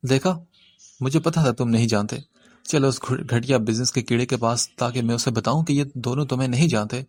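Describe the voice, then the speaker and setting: A man's voice: darkish tone, no echo, lightly acted. A man reading an audiobook voices a tearful, hot-tempered young woman who cries one moment and threatens the next. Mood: tearful, bossy. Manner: sobbing complaints turning to shrill threats.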